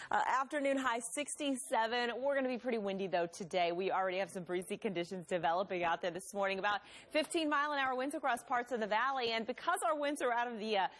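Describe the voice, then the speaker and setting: A woman delivering a TV weather forecast at a quick clip. She is informative and brisk. Her pitch sits in a middle range. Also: a bit bright. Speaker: weather presenter. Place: TV studio.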